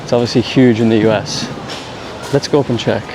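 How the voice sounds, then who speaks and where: Walking around an airport terminal, a travel vlogger gives casual commentary with understated, slangy, rambling asides. His mid-range voice is steady and brisk against a noisy background.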